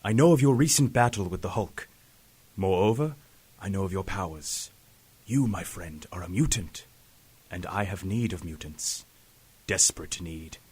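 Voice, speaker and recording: An actor playing a calm, authoritative professor, measured and formal, in a superhero audio drama. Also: male voice, deep voice, slightly rough, full character voice. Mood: assured, businesslike. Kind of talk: fan-made superhero audio drama acting.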